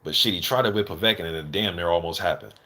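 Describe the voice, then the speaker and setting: This low, sharp-toned male voice moves at a quick pace. He's a livestream host commentating on boxing, bantering loosely with his audience using slang and the occasional curse.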